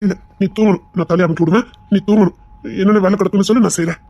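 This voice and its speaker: A woman voicing a remorseful, tender young husband with a Tirunelveli Tamil accent, in a web-series drama. She pleads and repeats apologies quickly. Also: mid-range voice, steady tone, warm tone, dry recording, muffled recording, natural voice. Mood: pleading.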